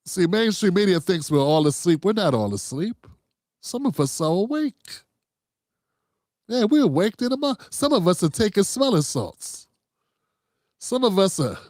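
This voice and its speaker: A man hosts his own casual political commentary show, rambling loosely with plenty of profanity and calling his viewers "fam." His voice is slightly high and a little mellow, recorded in studio quality with no echo.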